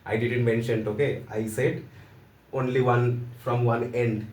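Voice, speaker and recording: A man's voice: mid-range voice, level tone, a little slow, darkish tone, slight background noise. A man with an Indian accent giving a casual, joking lesson in loose, hesitant phrasing. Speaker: teacher. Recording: roomy echo, voice from a distance.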